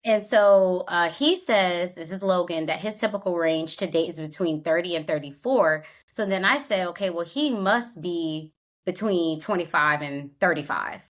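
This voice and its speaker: A woman co-hosting a podcast, talking through a reality show in relaxed conversation. Her voice sits a little low. She narrates scene by scene and slips into quick acted-out lines of what people said. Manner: recounts scenes, acts out quotes. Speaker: podcast co-host. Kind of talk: casual recap chat.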